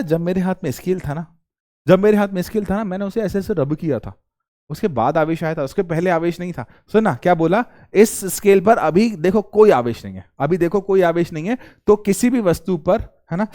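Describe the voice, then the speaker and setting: A young man teaching a physics lesson in a lively, playful way, joking and repeating questions for his students, recorded in a studio. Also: sits high. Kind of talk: energetic classroom lecture.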